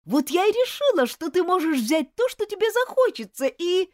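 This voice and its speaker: A woman reading an audiobook, voicing a fiery schoolgirl monitor who is indignant and insistent, with shrill outbursts. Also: very animated, moderate pace, no echo, studio quality. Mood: pleading. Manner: shrill, pleading, loud outbursts.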